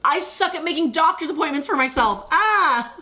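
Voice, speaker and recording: A woman's voice: high voice, lively intonation, pushed and bright. Young female streamer, chatty and confessional, talks to her live chat. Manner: chatty, confessional, with frequent "like" and quick laughs; reads viewer comments aloud. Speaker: YouTuber hosting a live stream.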